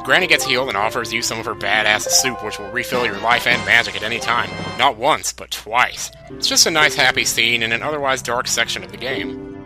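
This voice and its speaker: Hosting a video game countdown, a man reads scripted narration in a medium-pitched voice, a little fast. He sounds conversational and slangy, tossing in wry asides over background music.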